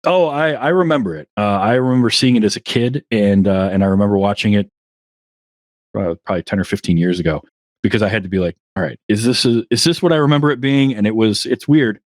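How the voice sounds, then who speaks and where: Speaking as a podcast guest in a casual interview, a man with a fairly low voice talks loosely and quickly, often restarting sentences and laughing at himself. The recording is dry and close-miked, with no sense of a room.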